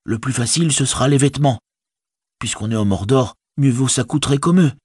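A man's voice: mid-range voice, a little fast, darkish tone, breathy edge, no room sound, clean studio sound, pitched above the performer's own voice, lightly acted. A man voicing a loyal, humble young hobbit servant in an audiobook, speaking in a folksy, deferential way in a raised voice. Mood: determined. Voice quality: folksy colloquial speech, deferential. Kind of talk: audiobook character voice.

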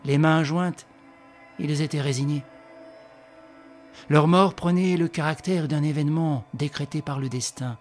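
A man reading a novel aloud as audiobook narration, in a grave, measured storytelling manner. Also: a little high, steady tone, faint music behind. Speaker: reader.

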